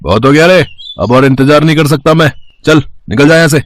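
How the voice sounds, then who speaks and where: A man's voice: mid-range voice, lively intonation, moderate pace, fairly bright tone, close to an everyday voice. A man voicing a cruel, contemptuous rich moneylender in a cartoon story. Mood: sneering. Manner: sneering and contemptuous.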